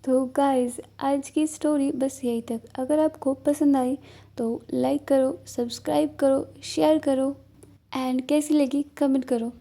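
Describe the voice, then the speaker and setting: A woman reading a scripted romance story aloud as narrator in a steady, descriptive way. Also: sits high, slow, vocal fry.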